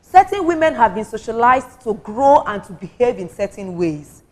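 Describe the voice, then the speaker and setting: A Nigerian woman speaking on a studio panel, earnest and lecturing, who drives her points home by repeating them. Her voice sits a little high for a woman. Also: sing-song, normal speed. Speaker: women's advocate, panel guest. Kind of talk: studio talk show discussion.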